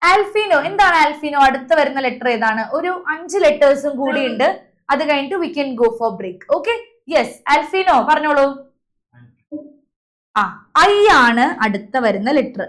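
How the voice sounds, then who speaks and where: A woman's voice: high voice, animated, a little slow, a bit bright. A young woman teacher leading an online class, calling on students by name and drilling letter sounds over a video call.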